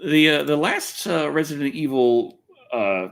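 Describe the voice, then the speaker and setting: This American livestream host and video reviewer from Texas has a fairly high, creaky voice with lively intonation, delivered at a measured pace. He rambles casually in answer to viewers, reasoning aloud, swearing freely and joking at his own expense.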